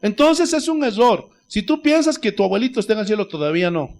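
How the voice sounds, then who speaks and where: A male pastor from Bolivia preaching a sermon with fervor, swinging between loud outbursts and hushed asides, often repeating praise phrases. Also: high voice, big pitch swings, fast. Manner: fervent, rising to shouts and dropping to near-whispers; peppers speech with "gloria a Dios".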